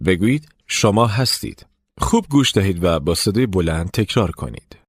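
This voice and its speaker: Lively-voiced man narrating a lesson. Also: low voice, no echo, studio quality. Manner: instructive, gives clear step-by-step directions. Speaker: language teacher.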